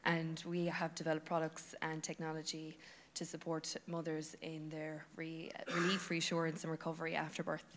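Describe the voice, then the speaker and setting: A woman's voice: deep voice, monotone, moderate pace. A woman with an Irish accent giving a short introduction to her company. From County Tipperary, Ireland. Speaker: entrepreneur. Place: large conference stage, indoors. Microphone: handheld microphone. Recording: stage mic, faint background noise.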